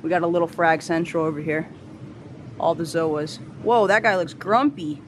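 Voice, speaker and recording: A woman vlogs a tour of an indoor aquarium store room crowded with tanks, chatting casually with slangy, enthusiastic exclamations into a handheld camera mic held close. Her voice is low-pitched, fairly even, and at a normal speed, with a bit of hiss or hum.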